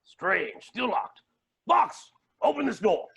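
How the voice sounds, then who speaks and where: Man voicing a villainous billionaire, high gravelly voice, bright, theatrical, cackling. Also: sing-song, takes it slowly, slight background noise, full character voice. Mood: gloating. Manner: theatrical, cackling, posh exclamations. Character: scheming villainous male billionaire, gleeful.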